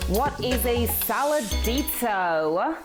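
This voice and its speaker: A woman hosting a live trivia game show, energetic and playful, with a sing-song delivery. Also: on the high side, slow. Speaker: quiz show host. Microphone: played through a phone app. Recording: background music from the app.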